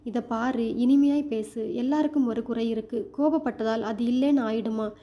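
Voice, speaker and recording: A woman's voice: a little high, moderate pace, muffled recording, lightly acted. A woman voicing a worried mother who talks in a firm, coaxing way.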